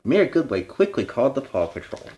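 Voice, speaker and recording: Children's storytime host as a friendly young superhero, man acting, mid-pitched, highly varied intonation, explanatory and kid-friendly. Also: very animated, a little fast, warm tone, muffled recording, close to an everyday voice. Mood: earnest, animated. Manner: kid-friendly, explains words and gives advice. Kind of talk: animated storybook reading with chatty asides.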